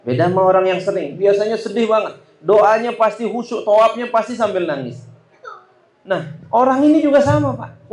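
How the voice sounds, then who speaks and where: A man preaching a sermon to a congregation, telling a story and often addressing listeners directly. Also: sits high. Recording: roomy echo.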